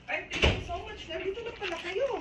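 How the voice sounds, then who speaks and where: A woman's voice: extremely high pitch, quick pace. A woman with a Filipino accent chatting casually from off to the side. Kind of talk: casual off-camera chat. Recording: echoey, distant, loud background noise.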